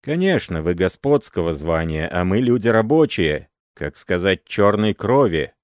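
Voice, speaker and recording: A man's voice: deep voice, sing-song, unhurried, dry recording, clean studio sound. A man voicing an old working man, swearing wailing oaths of innocence in an audiobook reading. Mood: gruff. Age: older. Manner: wailing oaths, then gruff threats.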